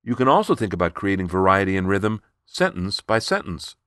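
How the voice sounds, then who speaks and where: A presentation coach narrating a lesson, deliberately speeding up and slowing down his speech to show rhythm. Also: low voice, big pitch swings, a bit bright, no echo, clean studio sound. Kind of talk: scripted instructional narration.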